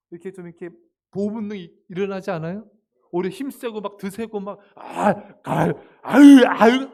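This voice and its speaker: A man pastor giving a lively, chatty sermon to teenagers, often asking them questions. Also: sits high. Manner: lively and chatty, asks the young listeners questions; acts out short voices in passing. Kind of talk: sermon to youth. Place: church service.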